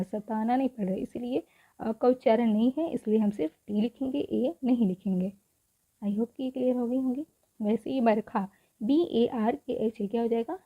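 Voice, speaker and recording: A woman with a fairly high voice teaches spelling, spelling each word out letter by letter and then saying it again. She keeps asking the viewer short rhetorical questions. The recording sounds dull and lo-fi. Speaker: English teacher. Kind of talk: spelling lesson, Hindi explanation.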